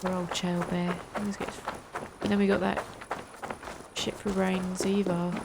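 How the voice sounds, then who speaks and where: A woman's voice: mid-range voice, flat delivery, normal speed, creaky. A woman hosting a let's play, talking in a chatty way with wry asides to her viewers. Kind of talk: casual game commentary. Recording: commentary over loud game noise. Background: game sounds and horses.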